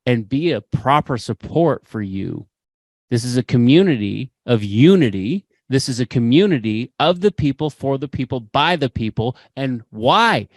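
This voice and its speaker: A man's voice: medium pitch, expressive, moderate pace, no echo. A man hosting a podcast, pressing his points with preachy conviction and hammering phrases through repetition. His voice sits in an ordinary middle register. The sound is close and dry, with no room around it. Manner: impassioned, preachy, repeats phrases for emphasis. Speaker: podcast host. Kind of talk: motivational podcast talk.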